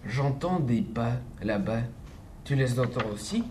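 A man voicing the Gruffalo, a big, hungry, gullible male monster, speaking slowly in a deep growl in a storybook reading. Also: expressive, darkish tone, slight background noise, close to an everyday voice.

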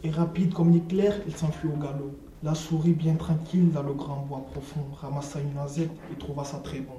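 A narrator reading a children's story aloud in a calm, measured way. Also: mid-range voice. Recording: roomy, distant, faint noise.

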